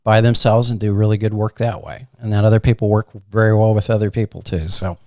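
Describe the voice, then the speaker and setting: A man with a Midwestern accent, a meteorologist guest telling stories in a casual, unhurried way with many fillers. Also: on the low side, flat delivery, no echo, studio quality. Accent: Midwestern American. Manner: soft-spoken, unhurried, fond of fillers. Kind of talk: casual interview storytelling.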